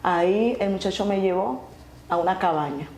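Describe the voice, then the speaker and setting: A woman telling her testimony earnestly, halting and restarting often. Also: medium pitch, a little mellow, faint music behind. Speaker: guest sharing her testimony. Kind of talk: emotional personal testimony. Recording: echoey room with faint noise.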